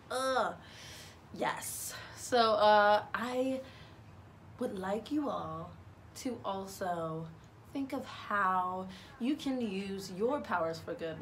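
A woman's voice: mid-range voice, fairly bright tone, a little hiss or hum. A young woman in a casual motivational vlog. She talks in a chatty, rambling way with many fillers and restarts, upbeat and self-deprecating. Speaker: cosplay vlogger.

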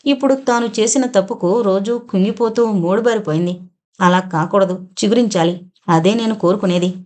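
A woman narrating an audio novel in the first person, in a steady, measured way. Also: mid-range voice.

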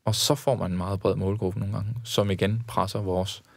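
A man who works in social care, speaking in a panel discussion, halting and repeating words as he reasons. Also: on the low side, flat delivery, gravelly, no echo, clean studio sound.

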